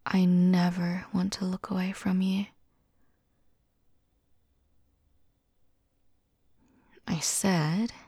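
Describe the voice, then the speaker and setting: A woman playing a doting, dominant young student in love, in a whispered role-play, speaking softly and teasingly right into the listener's ear. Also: on the low side, flat delivery, unhurried, husky, dry recording, studio quality. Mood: adoring, commanding. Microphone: very close, dry.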